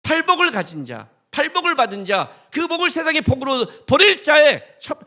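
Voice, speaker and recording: A man's voice: very high voice, moderate pace. A male pastor preaching a sermon in a church, telling stories in casual everyday speech and joking with the congregation. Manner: animated, joking, colloquial storytelling with acted quotes.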